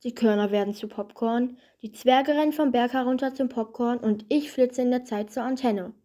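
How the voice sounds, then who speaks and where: A woman voicing a helpful, determined young man in a storybook, in a plain, steady voice. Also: a little high, moderate pace, natural voice.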